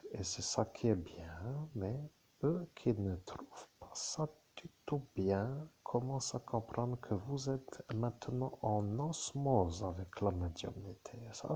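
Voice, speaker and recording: Slow, gravelly-voiced man giving a spiritual talk. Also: mid-range voice, dark tone, slight background noise. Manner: slow, halting, repetitive phrasing. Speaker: medium. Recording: dull lo-fi recording.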